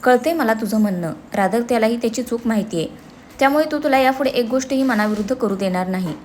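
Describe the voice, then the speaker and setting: A woman voicing a calm, sensible young man. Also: a little high, fast talker, slight background noise, close to an everyday voice. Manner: reasoning, reassuring.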